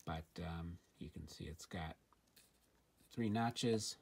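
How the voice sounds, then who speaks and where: Slow and gravelly, a low-voiced man casually demonstrates a gadget at an indoor tabletop for a review. He comes across as informal and a bit unsure, thinking aloud, against faint background noise and handling clicks.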